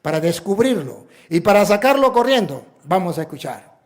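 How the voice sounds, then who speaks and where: A Venezuelan priest preaching a sermon in an emphatic, repetitive way, full of rhetorical questions. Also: male voice, high-pitched, big pitch swings, moderate pace. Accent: Venezuelan Spanish.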